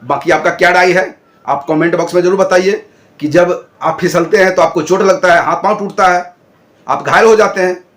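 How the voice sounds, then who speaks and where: A man's voice: sits high, moderate pace, fairly bright tone. A man hosting his own channel, giving indignant political commentary and lecturing viewers with rhetorical questions. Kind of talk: talking to camera, political commentary.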